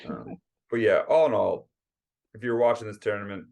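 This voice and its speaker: A man's voice: fairly low pitch, normal speed, gravelly, a little mellow. A man co-hosting a casual sports podcast, rambling with stammered restarts and lots of fillers. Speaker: podcast co-host.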